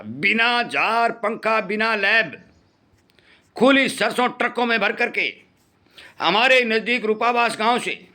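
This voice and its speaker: Middle-aged host, high bright voice, earnest, repeats his warnings. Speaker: farming channel host. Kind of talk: impassioned commentary to farmers.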